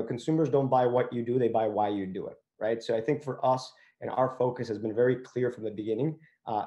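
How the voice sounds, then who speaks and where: A man from Venezuela, speaking as a company founder at a panel discussion, sounds conversational and hedging, filling his speech with "you know" and "kind of." His mid-range voice has a dark tone, and the recording is muffled.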